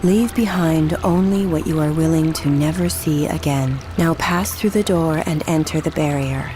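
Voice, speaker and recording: A woman playing a soft, confident night hag who guides in measured, formal speech in a fantasy video game. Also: sits low, music in the background, natural voice. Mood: calm, confident.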